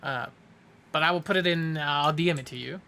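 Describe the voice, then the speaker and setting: A man's voice: on the high side, fairly quick, pushed and bright. A man acting as game master, narrating and chatting with players in a tabletop game, with casual asides and self-corrections.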